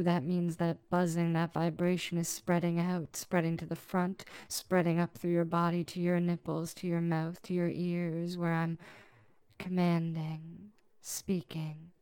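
A woman performing a sensual ASMR role-play for adults, purring intimately as if right in the listener's ear, with slow, deliberate, lingering phrasing. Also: fairly low pitch, darkish tone, clear, resonant tone, no echo.

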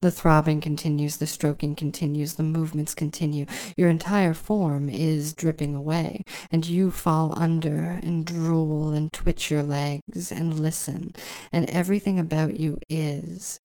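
A woman doing intimate, scripted hypnosis narration in slow, flowing, repetitive phrases. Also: low voice, fairly even intonation, warm tone, low-quality recording. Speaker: audio hypnotist.

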